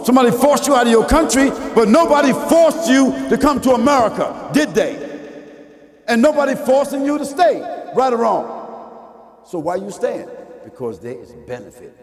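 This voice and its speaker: A high-pitched man delivers an emphatic mosque lecture, firing rhetorical questions at the crowd. He drops to near-quiet and then rises to shouts, talking in loose, casual grammar. The sound rings with a long reverb from a large hall. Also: very animated, normal speed. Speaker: Islamic preacher. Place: large Islamic center hall. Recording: echoey hall from some distance.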